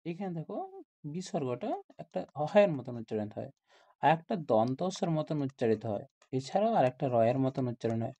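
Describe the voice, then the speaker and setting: A man's voice: mid-range voice, lively intonation, brisk, warm tone. A man teaching a grammar lesson to school students, explaining step by step and often asking questions like "isn't it?".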